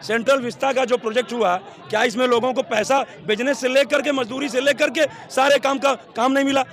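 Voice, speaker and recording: A man's voice: extremely high pitch, steady tone, a little fast, fairly bright tone, a faint crowd. A man defending his side in a heated street debate outdoors, piling up examples insistently. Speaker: debate participant.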